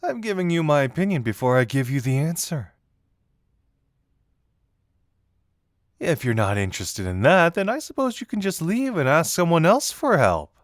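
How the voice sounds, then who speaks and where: Man acting Dazai, a teasing, lively flirt. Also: fairly high pitch, dry recording, clean studio sound. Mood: playful, mock-sulky. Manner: teasing, theatrical, drawn-out words. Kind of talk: intimate roleplay audio acting.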